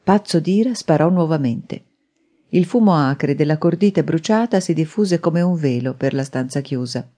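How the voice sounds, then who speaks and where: A woman's voice: sits low, normal speed. Woman narrating a thriller audiobook. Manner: dramatic, steady storytelling. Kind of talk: scripted narration.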